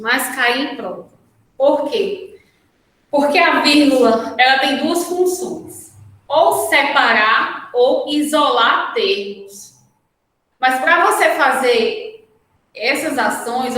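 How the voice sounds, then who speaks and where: Brazilian woman teacher, slow and patient delivery, keeps checking in with the class; far-off mic in a roomy classroom. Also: high-pitched, fairly bright tone. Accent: Brazilian Portuguese. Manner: patient, checks in with "certo?" and "tá?" after each point. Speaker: Portuguese grammar teacher. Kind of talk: remote lesson at a whiteboard. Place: classroom or studio with a whiteboard. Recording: very echoey room, mic at a distance.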